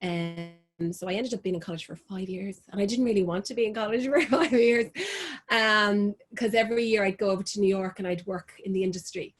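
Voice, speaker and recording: A woman's voice: medium pitch, fairly even intonation, fairly quick. An Irish woman in her forties, a fashion designer talking as a guest over a video call, chatty with many ums, restarts and laughs. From Ireland.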